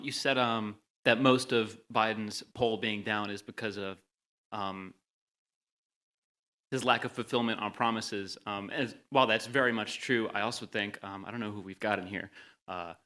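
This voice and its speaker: Student questioner, low but bright-edged voice, halting with ums. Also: male voice, fairly even intonation. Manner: hesitant, many ums.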